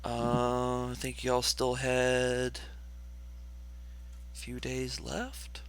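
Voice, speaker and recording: A man running a tabletop game as game master, unhurried, checking his notes and laughing easily. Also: medium pitch, completely flat delivery, a bit bright, clear, resonant tone.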